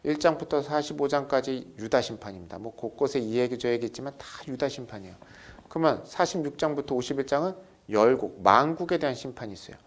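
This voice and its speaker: A man's voice: mid-range voice, fast talker. A middle-aged man teaching a recorded Bible study lecture, asking his listeners questions and reading scripture aloud. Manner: lively teaching, asks the class questions, reads scripture aloud.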